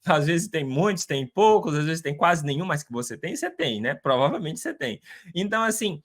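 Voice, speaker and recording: High-voiced man teaching the Bible. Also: very animated, a little fast, gravelly. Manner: conversational, repeats phrases, frequent tag questions.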